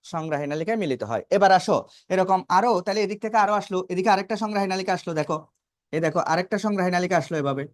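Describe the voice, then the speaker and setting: Man, biology teacher, rapid classroom lecture, dry close sound, asks and answers his own questions. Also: high-pitched, dry recording. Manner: asks students questions and answers them himself; repeats key terms for emphasis.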